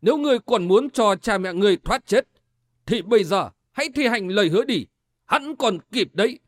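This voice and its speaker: A man's voice: high voice, lively intonation, brisk. A man voicing a cruel, scheming male cult leader who taunts his enemies coldly in a martial-arts audiobook. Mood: sneering. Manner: sneering, cold, taunting.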